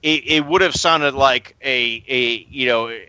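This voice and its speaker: A man co-hosting a casual podcast chat, talking in halting bursts full of stammers and restarts. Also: mid-range voice, pushed and bright, clean tone, no room sound, dull audio. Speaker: podcast co-host.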